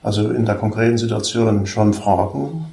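A man's voice: on the low side, fairly even intonation, normal speed, vocal fry, dark tone. A man as a student in a spiritual dialogue, thoughtfully asking questions and checking his understanding. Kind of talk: spiritual dialogue on self-inquiry. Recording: roomy echo.

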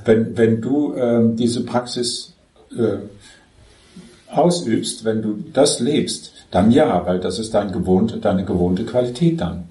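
Man, spiritual teacher, patient step-by-step explainer, lowish voice, echoey room. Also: slow pace, mellow. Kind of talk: spiritual dialogue on self-inquiry. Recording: roomy echo.

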